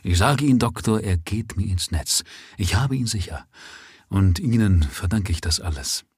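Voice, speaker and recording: A man voicing a brilliant, self-assured detective in a low, measured, husky voice. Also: expressive, darkish tone, no room sound, studio quality, exaggerated voice. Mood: triumphant. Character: cool, brilliant male detective, sharp and lordly.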